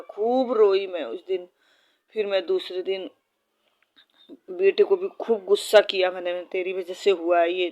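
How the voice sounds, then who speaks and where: A middle-aged woman giving a distressed, pleading personal testimony as a devotee at a satsang, repeating herself. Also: medium pitch.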